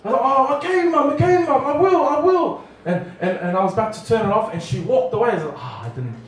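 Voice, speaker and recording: A man in his thirties from New Zealand, preaching a storytelling sermon on a handheld mic, animated and acting out family dialogue. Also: very high voice, fast. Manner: animated, acts out family dialogue with lively gestures. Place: church hall, small room. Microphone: handheld mic, far camera. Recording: echoey hall from far off.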